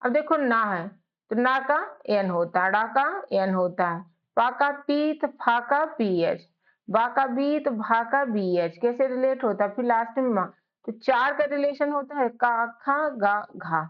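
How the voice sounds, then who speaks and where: Going letter by letter, this teacher drills spelling sounds for beginner English learners, posing questions and then answering them herself. Her fairly high voice is lively in intonation and a touch slow; the sound is dull and lo-fi.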